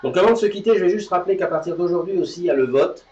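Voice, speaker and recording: A man's voice: high-pitched, very fast, a little mellow. A man hosting a live morning show, chatting casually and upbeat, announcing news and teasing his co-host. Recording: distant, roomy, dull sound.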